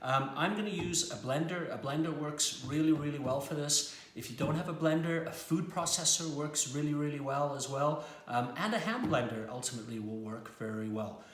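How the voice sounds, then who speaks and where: A man's voice: on the high side, moderate pace, hardly any pauses, a bit bright, roomy sound, slight background noise. A middle-aged man from South Africa, a chef, explains a cooking recipe step by step in a friendly way with frequent fillers, in a kitchen. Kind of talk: cooking demonstration.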